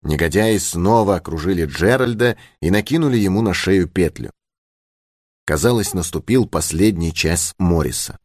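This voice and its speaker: Deep-voiced expressive male narrator. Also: moderate pace, dry recording, clean studio sound. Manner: expressive storytelling. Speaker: audiobook narrator. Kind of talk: scripted narration.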